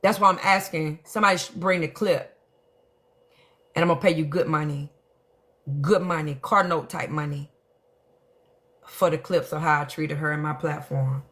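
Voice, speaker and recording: A woman's voice: low voice, normal speed, long pauses, a bit bright. A middle-aged woman, hosting a casual live stream, telling her side bluntly and profanely while greeting viewers by name. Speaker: livestream host.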